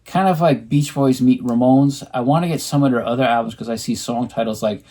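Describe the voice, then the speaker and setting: A man's voice: medium pitch, brisk, warm tone. A man co-hosting at home, chatting casually about records he bought, rambling with many ums and restarts. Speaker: co-host showing his record purchases. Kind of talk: casual chat.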